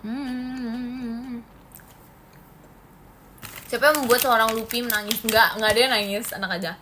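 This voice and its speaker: A woman's voice: on the high side, fairly even intonation, unhurried, background noise. A young woman from Indonesia hosting a casual phone livestream, chatting with viewers, answering comments and laughing often. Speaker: idol livestream host.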